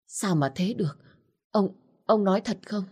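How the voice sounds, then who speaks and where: A woman voicing a terrified aging female housemaid who shouts and pleads for help. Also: mid-range voice, normal speed, breathy edge, voice pushed up, natural voice. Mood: shocked.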